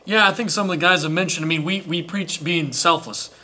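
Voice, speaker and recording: A man's voice: on the high side, a little fast, pushed and bright. A young man, a college quarterback, answering post-game press questions earnestly, with many small restarts. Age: young adult. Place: indoor press room before sponsor backdrop.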